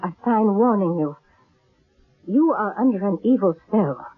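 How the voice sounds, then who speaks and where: In an old-time radio drama, an actress plays a shrewd, middle-aged fortune-teller and con artist, sounding solemn, commanding, and portentous. Her mid-range voice is expressive, a little slow, and breathy at the edges, captured on a thin, narrow-band old radio recording.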